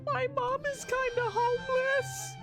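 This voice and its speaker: A shrill, squeaky cartoon Mickey Mouse. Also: male voice, flat delivery, measured pace, loud music behind the voice. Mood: excitable. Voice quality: shrill falsetto, frantic shrieks. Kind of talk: animated cartoon voice acting.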